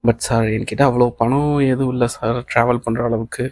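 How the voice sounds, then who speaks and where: A man's voice: medium pitch, flat delivery, a little fast, darkish tone, dry recording, close to an everyday voice. A man reading the lines of a young woman employee, anxious and overjoyed, in an audiobook of a novel, naming the speaker before each line. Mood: grateful.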